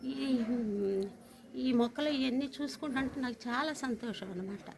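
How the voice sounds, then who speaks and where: A middle-aged woman with an Andhra Telugu accent gives an earnest, encouraging talk at a garden group meet, pausing often and restarting her sentences. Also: high-pitched. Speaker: garden group member giving a speech. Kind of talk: informal speech at a garden meet. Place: home terrace garden, outdoors. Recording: noisy outdoor ambience.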